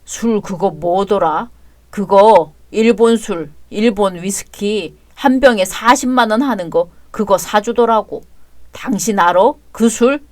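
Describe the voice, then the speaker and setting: A woman's voice: medium pitch, slow pace, darkish tone, dry recording, natural voice. Brief: a woman playing a crude drunken husband, drawled taunts, dramatized story. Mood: drunk taunting. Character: crude drunken boastful husband, adult man.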